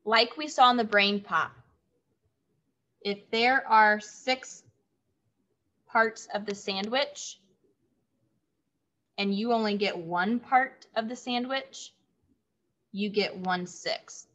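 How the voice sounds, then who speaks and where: Slow, bright-voiced woman teacher. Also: mid-range voice. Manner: slow, clear, repeating key words for children. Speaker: third grade teacher. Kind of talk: online classroom lesson. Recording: dull lo-fi audio.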